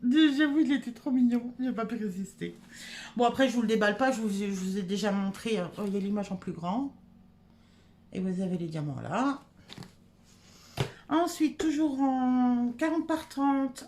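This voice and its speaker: A woman's voice: a little high, darkish tone, slight background noise. A woman chatting casually at home through a shopping haul, with lots of hesitations. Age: adult. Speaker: haul vlogger. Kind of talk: casual product haul chat.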